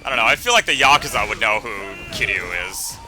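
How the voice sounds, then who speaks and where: A man doing casual let's play commentary, halting and stammering as he rephrases his thoughts. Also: fairly low pitch, sing-song, music in the background, poor audio. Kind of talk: casual rambling game commentary.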